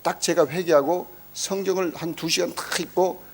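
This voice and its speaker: A man preaching a sermon, telling a story with animated exclamations and acting out quoted speech. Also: high voice, moderate pace, a little hiss or hum. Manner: emphatic exclamations. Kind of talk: sermon testimony.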